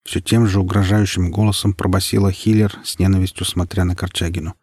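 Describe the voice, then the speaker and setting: A man narrating an audiobook in a measured, ominous storytelling manner. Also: low voice, flat delivery, darkish tone, breathy edge, no room sound, clean studio sound.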